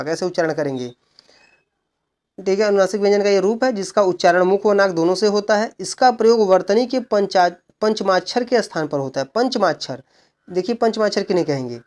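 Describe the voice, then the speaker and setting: A male teacher giving an exam-prep grammar lesson, who asks questions and answers them himself while explaining slowly and repeating key points. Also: high voice, darkish tone. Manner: slow, repeated explaining with frequent "look" and "okay".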